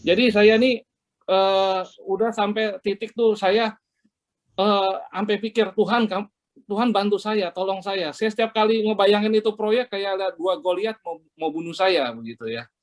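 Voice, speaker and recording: A man giving an earnest, halting personal testimony over a video call from a hotel room, with many restarts. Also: sits high. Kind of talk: personal testimony to a men's fellowship.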